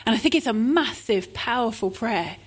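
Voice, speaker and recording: A woman's voice: fairly high pitch, expressive, normal speed, husky. A woman preaching a sermon, telling stories in an earnest, heartfelt way.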